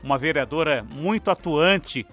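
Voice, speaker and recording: A Brazilian man hosts a live radio news interview from a studio, speaking Brazilian Portuguese in a formal announcer cadence with long, flowing sentences. His voice is fairly high and fairly bright, expressive, and paced at a normal speed. Soft music plays in the background.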